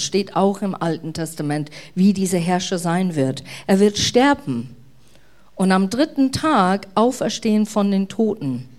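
Middle-aged woman pastor preaching, earnest, explains things, normal pitch. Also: a little mellow. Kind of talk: sermon.

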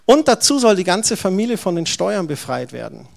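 A male pastor giving a family service sermon, telling the story in a lively way, acting out quotes and talking to the children. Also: high voice, moderate pace, vocal fry.

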